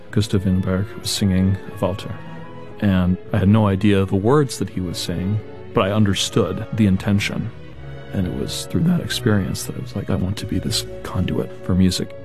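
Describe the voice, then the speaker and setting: A man from Indiana, an opera singer, earnestly and reflectively recalling his start. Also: deep voice. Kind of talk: personal account. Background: soft music.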